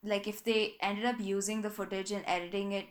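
A young woman hosting a podcast alone, telling a story in a rambling, animated way and often correcting herself. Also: mid-range voice, brisk. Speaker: podcast host. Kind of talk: casual solo podcast chat.

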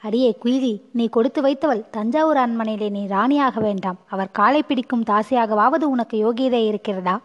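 A woman's voice: on the high side, normal speed, few pauses, in a large hall, highs cut off, natural voice. A woman reading as a lovesick young courtesan. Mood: longing. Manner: pleading inner monologue. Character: lovesick young courtesan girl, anxious and self-doubting.

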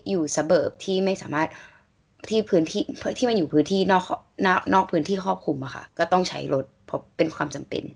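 A woman's voice: lowish voice, quick pace, creaky, darkish tone. A woman speaking politely in a casual conversation, giving short replies that end in the polite particle kha.

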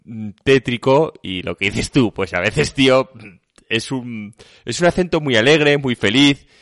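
A man's voice: mid-range voice, a little slow, dry recording, clean studio sound. A man with an Andalusian accent chatting casually about video games, emphatic and colloquial, swearing now and then. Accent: Andalusian Spanish.

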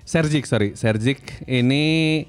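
A man in a casual chat, calmly supplying football details to his friends. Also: mid-range voice, takes it slowly, smooth. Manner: informative, fact-supplying.

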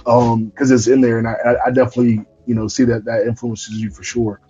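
The podcast host, a young man from North Carolina, interviews casually, stumbling through many fillers and restarts. His mid-range voice is warm but flat in delivery and a little fast. It's lo-fi live stream audio with faint music and slight background noise.

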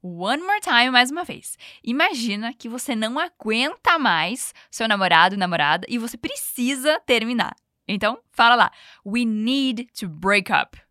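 Brief: higher-voiced woman, podcast English teacher, patient drill pacing, dry close sound. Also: lively intonation, sharp tone, no room sound. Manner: patient, coaching, slows down for model phrases. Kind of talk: podcast language lesson.

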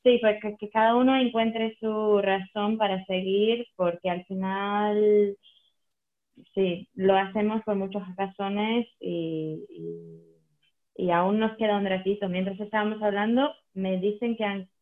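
A woman's voice: medium pitch, slow pace. A woman from Latvia, a native Latvian speaker, chatting casually in non-native, foreign-accented Spanish and searching for words. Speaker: athlete guest. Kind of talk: casual conversation. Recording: thin phone-like call audio.

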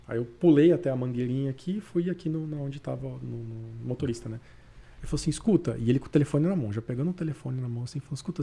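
A man's voice: medium pitch, gravelly, mellow, husky. A man in a casual podcast interview, telling a story with animation and acting out the dialogue he quotes. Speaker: podcast guest.

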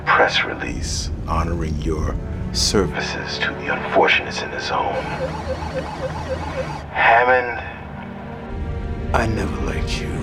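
An actor playing a smug corrupt police officer delivering a mock-sympathetic film villain monologue. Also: male voice, deep voice, exaggerated voice. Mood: cold, condescending. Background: music.

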